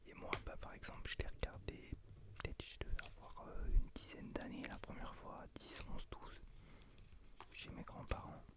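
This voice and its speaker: Male, late 20s. Whispered role-play in hushed library whisper, ASMR host, self-deprecating and confiding. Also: moderate pace. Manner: soft unvoiced whispering; hesitant, self-deprecating, intimate address to the listener.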